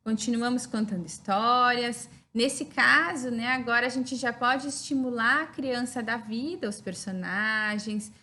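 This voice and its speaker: Speaking with a Brazilian Portuguese accent, a woman delivers a recorded teaching lecture, working through each step and regularly checking in with "né?". Her voice is fairly high, bright and pushed, a touch slow, with almost no pauses.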